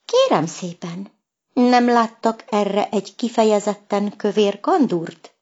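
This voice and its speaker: A woman's voice: medium pitch, big pitch swings, darkish tone, muffled recording, voice pushed up. A woman voicing a prim, offended young female cat in a storybook. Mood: polite. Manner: indignant, curt.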